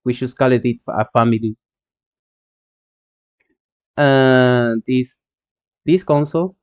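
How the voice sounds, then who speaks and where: This man, a native Spanish speaker with an Argentine accent, takes his time chatting with viewers while he codes on stream and reads chat. He has a smooth, clear, mid-range voice, though the audio feels dull and lo-fi. His talk is halting, riddled with fillers and restarts.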